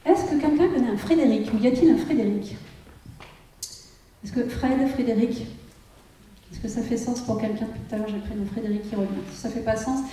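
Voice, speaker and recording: A woman's voice: a little high, moderate pace, long pauses, warm tone, distant mic, a little hiss or hum. Woman medium in an echoey hall. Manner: repeats checks like "hein" and "vous comprenez" constantly. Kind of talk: live mediumship reading to an audience. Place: conference hall before an audience. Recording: roomy hall, voice from afar.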